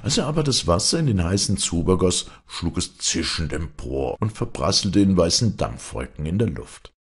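A man reading a German fairy tale aloud as a storyteller, in an expressive narrating voice. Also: low voice, normal speed, husky.

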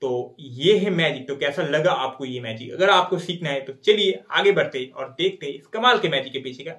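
A man's voice: fairly high pitch, animated, normal speed, a bit bright. A man, presenting and explaining magic tricks step by step like a showy magician. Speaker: magician, video tutorial host. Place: small indoor studio with dark backdrop. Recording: roomy indoor echo.

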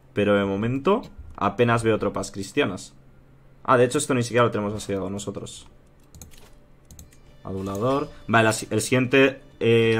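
A man with a Spain Spanish accent and a slightly low voice chats loosely to his viewers as he plays a strategy game. He reasons out loud, keeps calling his audience "tío", and the tapping of a keyboard is heard behind him. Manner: chatty, thinks aloud, addresses viewers as "chicos" and "tío". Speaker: gaming youtuber. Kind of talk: casual strategy game let's play commentary.

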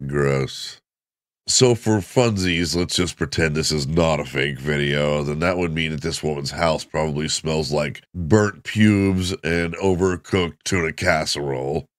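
A man's voice: very deep voice, measured pace, no echo, studio quality. A middle-aged man giving casual comedic reaction commentary, trying not to laugh and chuckling mid-sentence. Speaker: host of a reaction video show.

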